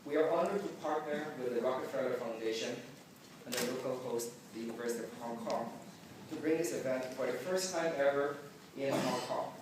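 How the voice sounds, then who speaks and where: A man raised in the Philippines gives measured welcome remarks as the organizer of a forum in a large conference hall, correcting himself now and then. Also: medium pitch, background noise. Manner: measured, deliberate delivery with occasional slips. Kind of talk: formal prepared speech. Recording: echoey hall, mic at a distance.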